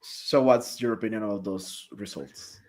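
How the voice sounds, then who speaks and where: A man's voice: fairly low pitch, a little slow, darkish tone. A man interpreting live in an interview over a video call, casual and friendly, with filler words.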